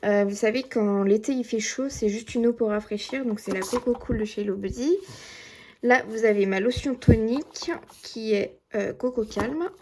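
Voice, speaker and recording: A beauty vlogger at her dressing table at home shows off her things in a chatty show-and-tell, packed with fillers and "voilà". Her voice is on the high side and a little mellow, at a moderate pace. A camera or phone films close, picking up a little hiss or hum.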